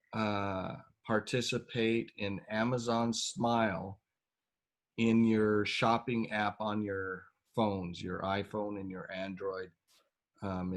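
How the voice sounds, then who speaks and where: A man reading out a club budget report on a video call, slow and plain with pauses. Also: on the low side. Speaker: club treasurer.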